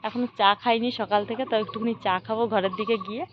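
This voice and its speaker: Soft-spoken woman, a bit high, lo-fi audio. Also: steady tone, noisy background. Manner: soft, unhurried narration, louder and higher when coaxing a child. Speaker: vlogger. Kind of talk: casual home vlog. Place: outdoors around a village home and garden.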